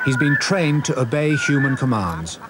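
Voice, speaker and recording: Male nature documentary narrator over loud wildlife noise. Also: mid-range voice, animated, normal speed.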